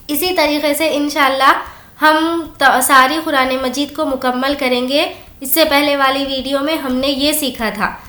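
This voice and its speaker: A woman teaching tajweed, explaining each rule plainly and then reciting the words slowly and drawn out. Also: high voice, sharp tone, reverberant. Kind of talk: slow word-by-word recitation lesson.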